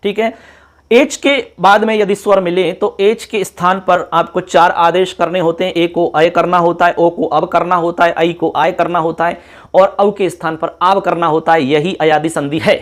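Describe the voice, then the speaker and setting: A man teaching a class at a board, patiently spelling out each example and repeating it slowly, often checking that the students follow. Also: high voice, fairly even intonation. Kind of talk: classroom lecture.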